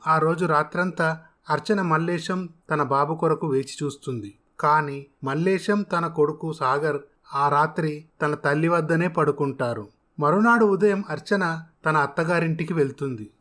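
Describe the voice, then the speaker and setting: A man with a slightly high voice tells a family tale in a steady, even manner. He narrates scene after scene as a storyteller. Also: normal speed.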